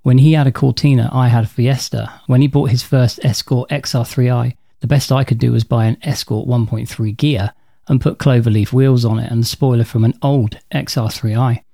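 A man's voice: medium pitch, steady tone, normal speed, vocal fry, warm tone, dry recording. A man in his forties hosting his own podcast, telling personal stories in a dry, matter-of-fact way from a script. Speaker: podcast host.

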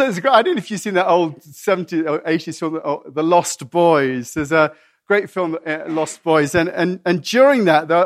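A middle-aged man from England giving a conversational sermon, full of asides and restarts. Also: high voice. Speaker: pastor.

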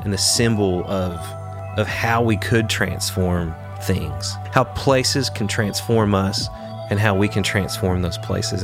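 A man hosting a podcast, reading scripted narration in a measured, earnest way. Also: fairly low pitch. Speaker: podcast host. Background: music.

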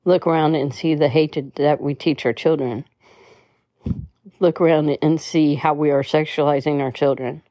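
A woman with a low, mellow voice delivers a spoken-word protest piece line by line. Her tone is earnest and measured, with small stumbles and restarts. The recording is dry and close. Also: fairly even intonation, dry recording.

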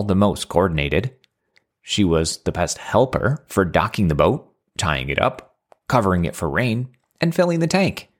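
A man reading a children's story aloud. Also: sits low.

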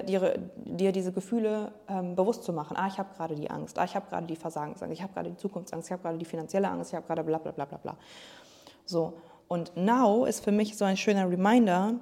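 A woman's voice: fairly low pitch, warm tone. A woman weight-loss coach talking in a casual, slangy, motivational podcast monologue.

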